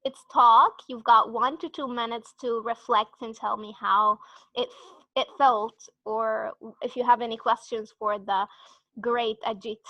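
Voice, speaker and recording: A woman's voice: fairly high pitch, steady tone, dry recording, lo-fi sound. A woman hosting an online meeting, chatty and giggly, speaking English as a learned language. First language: not English. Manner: chatty and giggly, quick restarts. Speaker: meeting host. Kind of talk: casual online meeting chat.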